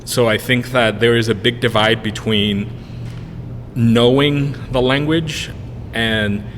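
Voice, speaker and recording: A slow, steady, medium-pitched voice with a fairly bright tone comes from a brewery co-owner in his thirties appearing on a podcast. Born in a Spanish-speaking country with Spanish as his first language, he moved to the US in 1999. He rambles through the interview with lots of fillers and restarts, in a long-reverb room with faint noise.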